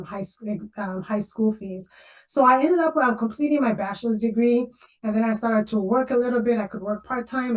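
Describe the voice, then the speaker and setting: A woman in her forties, a guest in a casual interview over a video call, animated and laughing often, repeating phrases for emphasis. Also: mid-range voice, poor audio. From Zambia.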